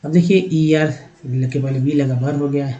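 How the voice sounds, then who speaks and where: On the higher side and steady, this man's mellow voice has its highs cut off. He has an Indian accent and teaches an English lesson online, splitting words into letters and sounds. Spelling each word letter by letter and sounding it out slowly, he talks straight to viewers, saying "dekhiye" again and again.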